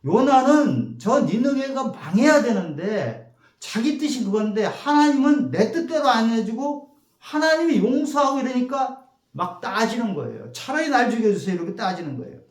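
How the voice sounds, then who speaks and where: Male pastor, sermon, lively storytelling, high voice, echoey church hall. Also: moderate pace. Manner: animated storytelling, acts out quotes. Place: church sanctuary.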